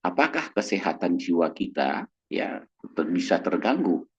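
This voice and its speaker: Husky low-voiced man giving an animated talk. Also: unhurried, highs cut off. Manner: animated, acts out quoted voices in a raised pitch. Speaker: doctor guest speaker. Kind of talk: casual church talk on mental health.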